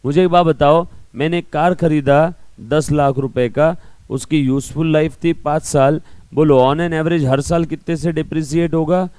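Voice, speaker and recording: Man lecturing on accounting, slightly high. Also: steady tone, a little slow, a little mellow, clean tone, dry recording. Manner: keeps checking understanding with questions to students; explains through everyday analogies. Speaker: accounting teacher. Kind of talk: classroom lecture mixing Hindi and English.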